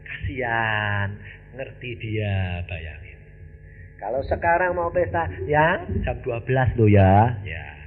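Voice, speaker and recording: Animated older male preacher, wildly expressive. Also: slow pace. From Indonesia. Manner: animated, dramatic swings between loud high outbursts and quiet low asides. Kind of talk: storytelling sermon. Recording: slightly dull, faint background noise.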